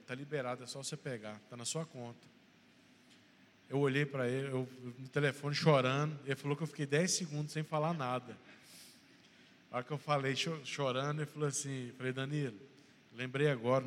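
A man's voice: mid-range voice, in a large hall, slight background noise. A Brazilian man with a Brazilian Portuguese accent giving a church testimony, telling his story and acting out dialogue before urging the congregation on. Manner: storytelling, acts out phone dialogue, preacherly exhortation.

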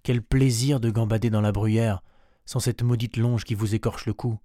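A gentle, stubborn little nanny goat from a storybook, longing for the mountain, as a man reading aloud puts her on. She speaks softly in a low, quiet voice, calm but unbending, and the recording is dry and close. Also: moderate pace, dry recording, close to an everyday voice.

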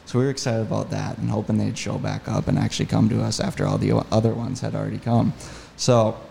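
Gravelly, dark-toned man, keen podcast storyteller. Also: fairly low pitch, fast talker, slight background noise. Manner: enthusiastic, animated retelling. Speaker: podcast guest, hunting guide. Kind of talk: casual storytelling.

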